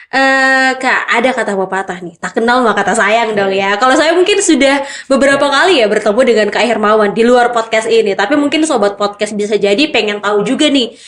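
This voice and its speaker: A woman's voice: fairly high pitch, a little fast, a bit bright. A woman hosting a podcast interview, asking friendly, upbeat questions with frequent fillers. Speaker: podcast host.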